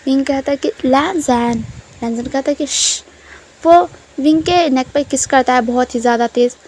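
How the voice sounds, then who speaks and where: A woman's voice: sits high, a little fast, a little mellow. A woman narrating a fan fiction story in a chatty, casual way, doing the dialogue herself. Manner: chatty, giggles while retelling.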